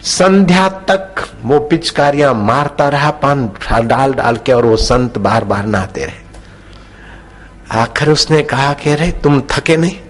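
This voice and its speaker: A man preaching a devotional sermon, telling stories and acting out the people in them, stretching some phrases slowly for emphasis. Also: mid-range voice, faint music behind. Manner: acts out quoted characters in his stories; drops into slow, drawn-out phrases for emphasis. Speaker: spiritual preacher.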